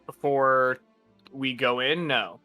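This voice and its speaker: A man chats casually as a tabletop game player. His voice is bright and close with a dry sound, over faint music. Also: mid-range voice, steady tone, takes it slowly, dry recording. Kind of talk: casual chat.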